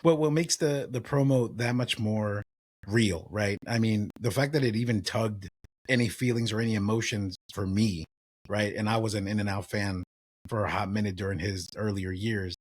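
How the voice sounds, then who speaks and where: A man's voice: lowish voice, steady tone, moderate pace, darkish tone, breathy edge, dry recording. A man co-hosting a wrestling podcast in a casual, conversational, slangy way. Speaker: podcast co-host.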